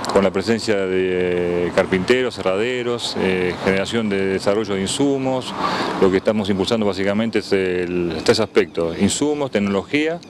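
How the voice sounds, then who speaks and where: A deep-voiced Argentine man in his fifties, a trade fair organizer, answers an on-location TV interview, pausing as he lists things. He stands outdoors beside a building near a road, speaking into a handheld microphone amid street and traffic noise.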